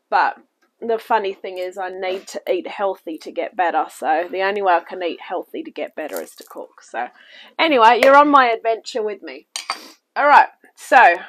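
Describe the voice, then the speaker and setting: A woman's voice: mid-range voice, slight background noise, rough recording. Chatty woman host, a little weak from illness. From New Zealand. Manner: chatty, reassuring, talks the viewer through each step. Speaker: home cooking show host. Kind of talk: casual cooking demonstration. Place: home kitchen, at a table.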